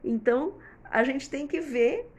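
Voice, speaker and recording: This fifties-aged host answers viewer comments with relaxed parenting advice, leaning on everyday examples and lots of "né?" tag questions. Her voice is high-pitched and expressive, and she talks at a slow pace.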